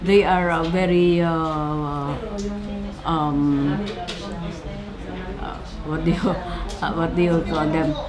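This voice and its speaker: A Filipino woman in her seventies, a labor organizer answering interview questions in English with a Filipino accent, pausing often with fillers and repeated words. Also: low voice, steady tone. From Philippines. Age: 70s. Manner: halting, many fillers and repeats. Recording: crowd noise behind.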